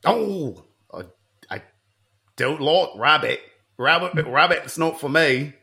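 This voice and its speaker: A clueless visitor at a fair, voiced by a man with a put-on British accent. His voice is bright and animated, and he talks slowly. He bumbles and halts through an improvised comedy scene. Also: a little high, gravelly, full character voice. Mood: bumbling. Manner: playful, bumbling, halting. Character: clueless male fair visitor claiming northern British roots.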